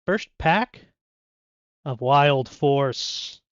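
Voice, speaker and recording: A man's voice: on the high side, lively intonation, drawn-out words, no room sound, dull audio. Joking young man opening card packs. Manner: joking, laughs often, crude humor. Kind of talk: casual chat with live chat. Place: bedroom at home.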